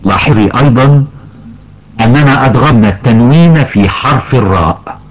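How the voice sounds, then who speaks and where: A man playing an elderly grandfather who patiently teaches Quran recitation rules to his granddaughter, slowly drawing out example words. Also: medium pitch, expressive, lightly acted. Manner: slow, careful explaining, stretches out example words. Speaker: tajweed teacher. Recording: dull lo-fi recording.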